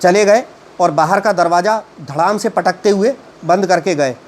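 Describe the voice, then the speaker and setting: There's a little hiss or hum as a man with a high-sitting voice teaches a story. He reads English lines slowly, then retells and explains them haltingly with many fillers.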